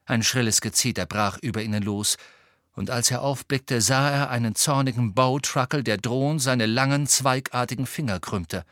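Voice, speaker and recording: A man narrating an audiobook in a measured storytelling manner. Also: medium pitch, fairly bright tone, no room sound, studio quality. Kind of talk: scripted narration.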